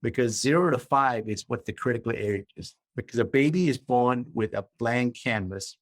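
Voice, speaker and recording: A man's voice: medium pitch, moderate pace, no echo. A middle-aged man from Malaysia, a guest author and coach explaining his ideas in a podcast interview in a structured way, often checking in with "right?".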